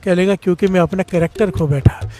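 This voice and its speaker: A man's voice: high-pitched, fast, warm tone, lightly acted. A man voicing a proud demon king who boasts of his might while telling a story in a sermon. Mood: regretful. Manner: boastful, then regretful.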